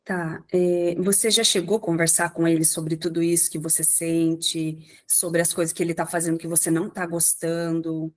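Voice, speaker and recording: A woman therapist, leading group therapy with calm, probing questions and faith language. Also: fairly low pitch, normal speed, hardly any pauses.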